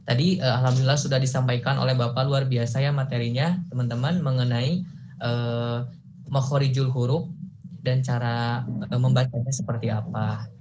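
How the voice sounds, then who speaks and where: A man's voice: medium pitch, fairly even intonation, dull audio, background noise. Polite young male session moderator. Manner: polite, many filler pauses. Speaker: student moderator.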